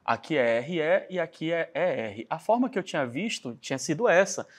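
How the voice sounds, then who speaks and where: A man's voice: fairly high pitch, moderate pace. A Brazilian man with a Brazilian Portuguese accent, teaching a chatty English lesson and checking in often with his class. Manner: chatty, animated, keeps checking in with "né?".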